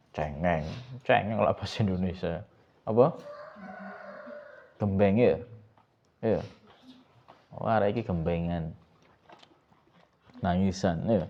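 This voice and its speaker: Male ustaz, deep voice, dull lo-fi sound, teaching with constant questions to his class. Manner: asks students questions over and over, mixes in Javanese words. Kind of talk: Islamic pesantren lesson, reading Arabic text and explaining.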